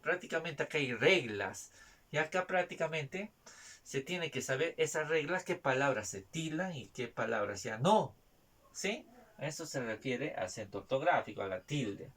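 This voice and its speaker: A man teaching a spelling lesson, repeating each point and checking in with quick tag questions. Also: a little high, animated, fairly bright tone. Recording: distant mic, faint noise.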